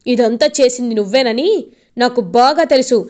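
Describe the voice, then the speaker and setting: A woman's voice: a little high, moderate pace, a little mellow, natural voice. A woman voicing an angry young father who scolds his family for upsetting his daughter, in a stern retelling of a TV serial.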